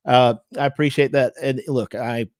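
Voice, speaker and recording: A man's voice: medium pitch, fairly even intonation, slow pace, no room sound. Southern US host, middle-aged guy, chatty and easygoing, dry close sound. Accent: Southern US, Georgia. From Georgia, USA. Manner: chatty, thanks viewers, frequent fillers. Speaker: livestream host and lawyer. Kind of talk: casual livestream commentary.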